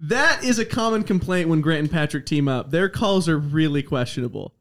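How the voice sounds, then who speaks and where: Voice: mid-range voice, lively intonation, a little fast. A friend in a casual chat who eagerly chimes in, teases and laughs along.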